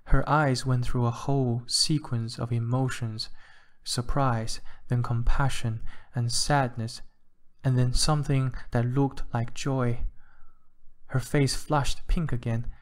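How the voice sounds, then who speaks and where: A man reading a short story aloud in a measured, even storytelling manner. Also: mid-range voice. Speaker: narrator.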